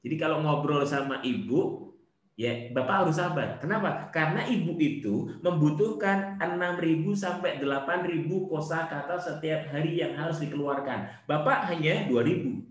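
A man giving an online Islamic study lecture over a video call, animated, with rhetorical questions and playful asides. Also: on the high side, moderate pace, echoey room.

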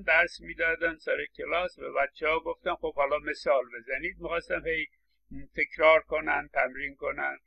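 A man's voice: fairly high pitch, vocal fry, dull audio. A middle-aged man lecturing on English phonetics, explaining patiently and stressing words as he repeats examples, with English words spoken. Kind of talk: recorded lecture.

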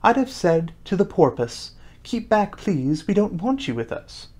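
A man's voice: high voice, sing-song, a little slow, a little mellow, pitched above the performer's own voice, heavily acted. A man voicing a curious, polite, slightly timid young girl in a storybook, with a wondering delivery. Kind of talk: storybook character voice.

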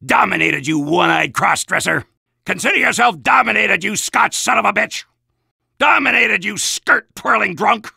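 An actor playing a gung-ho, belligerent American army soldier in a video game, barking bombastic orders and insults in a raspy, gravelly shout. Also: male voice, sits high, animated, moderate pace, no echo, studio quality, full character voice. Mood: gloating, belligerent.

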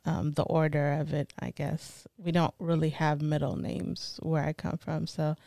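A woman's voice: low-pitched, flat delivery, unhurried, vocal fry, warm tone. A young woman who grew up in Ethiopia or Eritrea, hosting a podcast and asking curious, loosely phrased questions from a studio couch. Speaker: podcast host. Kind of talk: casual interview questions.

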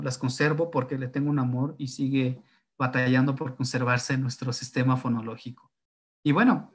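A man whose first language is Zapotec teaches how to write his language's tones. He talks with a middle pitch. He pauses often with fillers and checks in with tag questions. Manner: thinks aloud with many fillers and tag questions. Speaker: linguist. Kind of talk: explanatory talk on writing tones.

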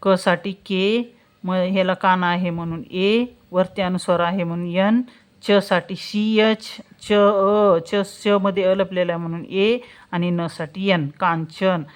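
A woman teaching spelling step by step, saying example words slowly and answering her own questions. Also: on the low side, level tone, smooth. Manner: slow, drawn-out pronunciation of example words, asks questions and answers them herself. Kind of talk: spelling lesson, explaining step by step.

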